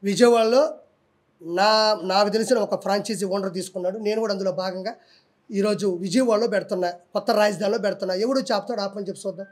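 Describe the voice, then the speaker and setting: High-pitched defiant man. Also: fairly even intonation, quick pace. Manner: combative, defiant, challenging. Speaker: interviewee. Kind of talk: heated political interview.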